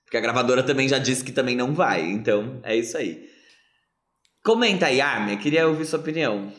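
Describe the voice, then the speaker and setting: A man hosting a casual music podcast, quick and teasing as he runs the news. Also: mid-range voice, expressive, fairly bright tone, echoey room. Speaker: podcast host.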